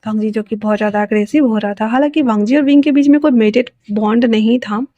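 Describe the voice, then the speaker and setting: A woman's voice: on the high side, fast talker, dark tone, no room sound, muffled recording. A woman narrating a fan-fiction story in a chatty, colloquial way, dropping in English words.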